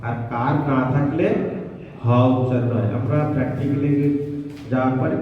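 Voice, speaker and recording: A man's voice: medium pitch, fairly even intonation, normal speed. Patient man teaching pronunciation, echoey and distant. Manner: patient, spells out syllables and keeps checking understanding. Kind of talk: pronunciation lesson. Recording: echoey, distant, dull-sounding.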